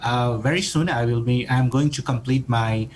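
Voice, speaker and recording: A man's voice: medium pitch, moderate pace, slight background noise, poor audio. A man from Nepal, a doctoral student, answering podcast interview questions in a hesitant way with many fillers and restarts.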